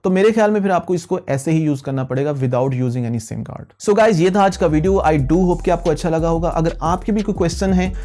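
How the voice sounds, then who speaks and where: A man with a fairly high, dark-toned voice talks quickly and barely pauses, with soft music behind him. He hosts a tech Q&A channel, chatting with viewers and sprinkling English phrases into his explanations.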